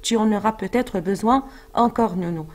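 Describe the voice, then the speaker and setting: A woman teacher reading out the lines of a calm young princess, soothing and consoling. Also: mid-range voice, normal speed, natural voice. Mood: gentle.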